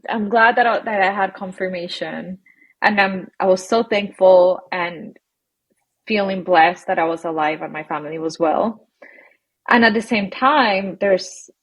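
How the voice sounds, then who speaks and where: Female guest from Colombia, husky breathy tone, reflective and halting. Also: mid-range voice, rough recording. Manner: reflective, halting, laughs softly between phrases. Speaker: guest, psychologist. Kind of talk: casual interview conversation.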